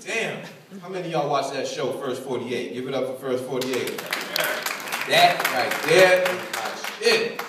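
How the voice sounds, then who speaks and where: A man's voice: mid-range voice, expressive, a little slow, distant mic, heavy background noise. Man doing stand-up in an echoey club. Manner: loose, rambling crowd banter. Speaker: stand-up comedian. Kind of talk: stand-up comedy set. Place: comedy club stage. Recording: echoey stage mic, roaring crowd.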